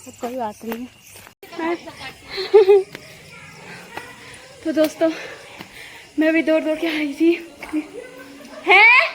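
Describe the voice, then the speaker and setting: A woman's voice: sits high, normal speed, a little mellow, a little hiss or hum. A woman vlogging on her phone camera, chatting casually and laughing as she retells a scare, first walking outside at night and then at home. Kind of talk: casual vlog chat.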